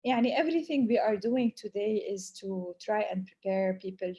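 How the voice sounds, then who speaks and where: A woman whose first language is Arabic speaks fairly quickly in a mid-range, dark-toned voice, the highs cut off. As a humanitarian speaker in a webinar, she answers questions at length, earnest and hesitant, using Arabic filler words.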